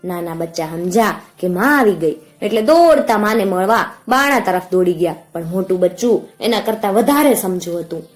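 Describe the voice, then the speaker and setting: A woman storyteller reads a folk tale aloud in a calm, expressive storybook manner. Her voice sits at an ordinary middle pitch, and soft music plays faintly beneath her. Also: normal speed, few pauses. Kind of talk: storybook narration.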